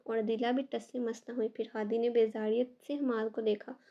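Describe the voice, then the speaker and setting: Woman narrator, novel read-aloud, mellow tone, slightly high, dull lo-fi sound. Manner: reads all characters in a lightly varied voice. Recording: dull lo-fi recording.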